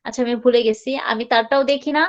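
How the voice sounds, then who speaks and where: A fairly high-voiced woman leads a live online English class, talking casually and saying words slowly, over and over, for students to copy. Her voice comes through a dull, lo-fi connection. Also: steady tone. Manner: chatty, repeats words slowly to model pronunciation. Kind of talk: live class teaching pronunciation.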